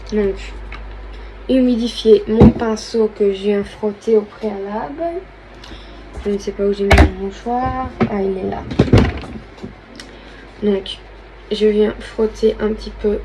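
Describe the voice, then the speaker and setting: A woman's voice: on the high side, background noise. A young woman, chatting casually through a makeup tutorial and thinking aloud as she works. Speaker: beauty vlogger.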